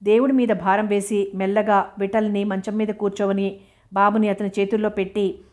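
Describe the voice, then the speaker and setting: Flat-toned woman reading a novel. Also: medium pitch. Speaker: audiobook narrator. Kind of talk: scripted novel narration.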